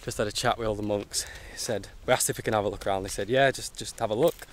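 A man's voice: lowish voice, steady tone, fast. A man chatting casually to camera as a travel vlogger, colloquial and matey, with mild swearing. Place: outdoors on rural roads and temple grounds. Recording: outdoor ambient and motorbike noise.

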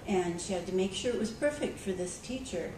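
A school librarian with a brisk, mid-range voice tells a story at a conference in a conversational way, frequently using ums and restarting. She's recorded from far off in an echoey conference room, with background noise.

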